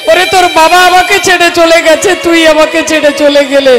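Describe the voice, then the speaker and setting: A woman's voice: very high voice, fairly even intonation, moderate pace, a loud crowd. A woman voicing a fearful, tearful queen mother who cries out and repeats her pleas to her son. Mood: anguished. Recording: live performance with loud music behind.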